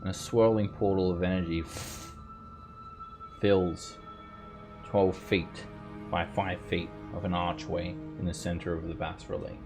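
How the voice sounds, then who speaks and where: Low male voice, game master, measured descriptive narration, tabletop fantasy session. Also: level tone, over music.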